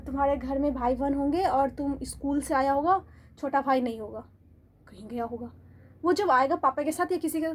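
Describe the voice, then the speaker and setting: High-voiced woman teaching grammar. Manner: explains slowly, repeats examples, asks checking questions. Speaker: English teacher. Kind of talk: classroom grammar lesson.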